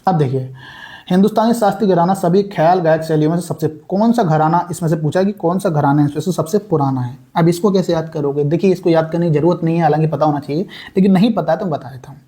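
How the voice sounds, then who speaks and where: A man's voice: on the high side, quick pace, dark tone. Chatty young man teaching memory tricks. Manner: chatty, repeats words, addresses viewers as brother. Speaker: exam coaching teacher. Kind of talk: casual Hindi exam-prep lesson with memory tricks.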